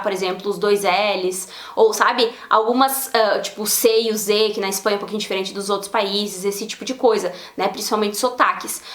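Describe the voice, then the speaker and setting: A woman, explaining pronunciation in a lively, casual video lesson and demonstrating sounds as she goes. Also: on the high side, roomy sound. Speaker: Spanish teacher.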